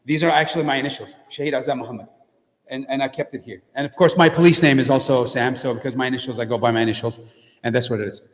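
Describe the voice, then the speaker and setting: In the long reverb of an echoey mosque hall, a middle-aged man speaks quickly in a steady, mid-range voice. He is a guest giving a direct, plainspoken community talk with Q&A, and his speech is full of fillers and restarts.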